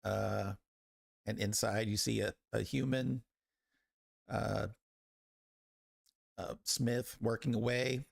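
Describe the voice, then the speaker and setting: A sleepy male game master narrates a tabletop game in a slow, halting way, with many fillers. His low voice carries a heavy gravelly fry, recorded close and dry. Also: steady tone, no echo. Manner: halting, full of ums and uhs.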